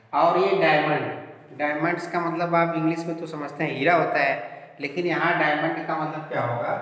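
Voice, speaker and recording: A man's voice: a little high, fairly bright tone. A man teaching a math lesson at a classroom board, explaining step by step and asking the class questions. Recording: very echoey room with long reverb.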